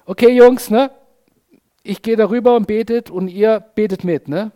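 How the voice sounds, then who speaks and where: Fed-up Jesus voiced by a preacher, loud colloquial ranting, raised voice. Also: male voice, sits high, moderate pace, voice pushed up, natural voice. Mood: pleading. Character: exasperated fed-up Jesus, ranting at his followers.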